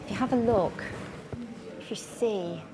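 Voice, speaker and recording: A woman's voice: medium pitch, measured pace. A woman acting as a pretend auction owner, gushing theatrically over a painting. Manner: theatrical, gushing sales talk. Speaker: actress playing an auction owner. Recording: noisy room with crowd chatter.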